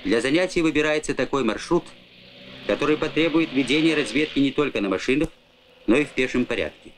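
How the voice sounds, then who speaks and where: A man's voice: mid-range voice, lively intonation, fairly quick, a little hiss or hum. A man reading formal, instructional scripted narration in the manner of a 1980s Soviet military training film. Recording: old film soundtrack.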